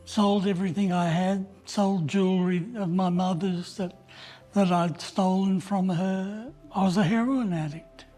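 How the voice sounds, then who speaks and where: An older man from Australia, a Salvation Army officer, telling his life story in an interview in a halting, candid way. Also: sits high, steady tone, warm tone, faint music behind.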